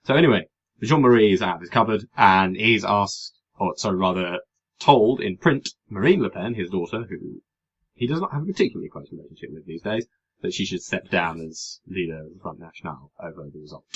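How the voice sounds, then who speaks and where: A man's voice: deep voice, expressive, brisk, breathy edge, lo-fi sound. A man co-hosting a podcast, chatting casually and wryly about politics, rambling with hesitant fillers. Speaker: podcast co-host.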